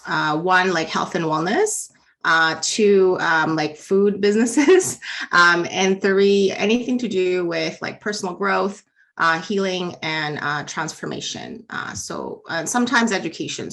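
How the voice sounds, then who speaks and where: Here a guest from the Philippines, a woman in her thirties who works as a business leadership coach, responds to an interviewer casually and warmly, using lots of fillers. She speaks with a lowish voice and a fairly bright tone.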